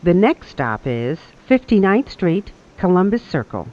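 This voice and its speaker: Slow, lilting train loudspeaker announcer. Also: mid-range voice, very animated, dull audio. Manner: measured, evenly spaced phrasing. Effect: played over a train loudspeaker. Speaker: recorded subway announcer.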